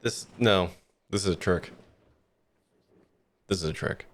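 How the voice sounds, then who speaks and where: Let's play host: male, deep voice, casual and thoughtful game commentary. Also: takes it slowly, a bit bright.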